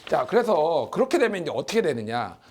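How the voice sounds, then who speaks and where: A man giving political analysis on a talk show, animated and lively, often mimicking other people's voices with a laugh. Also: on the high side, brisk, husky. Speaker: political commentator.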